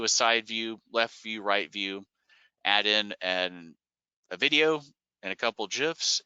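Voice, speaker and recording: A man from a software company walking through product features in a webinar, explaining in a relaxed way with frequent "uh" and "um" fillers. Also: fairly low pitch, clear, resonant tone, no room sound, dull audio. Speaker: software company staff presenting product updates. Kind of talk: webinar screen-share walkthrough.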